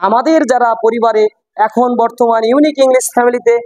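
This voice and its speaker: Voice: medium pitch, fairly quick, a little mellow, no room sound, rough recording. An English teacher runs a classroom lesson, repeating phrases and quizzing the students. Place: classroom with a board.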